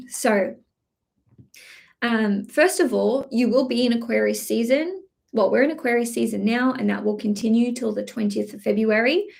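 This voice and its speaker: A woman's voice: fairly high pitch, moderate pace, creaky, a little mellow. Woman astrology streamer, chatty, lots of fillers, slight cough. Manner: chatty, many fillers and restarts. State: slight cough, throat clearing. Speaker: astrology reader. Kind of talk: live-streamed horoscope reading.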